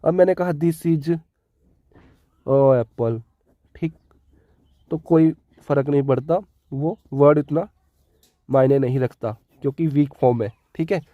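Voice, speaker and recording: At normal speed, a man whose voice is a little high gives a step-by-step English grammar lesson in a Hindi accent. He keeps repeating key words and checking on listeners with "ठीक है". The audio sounds like a phone and carries no room sound.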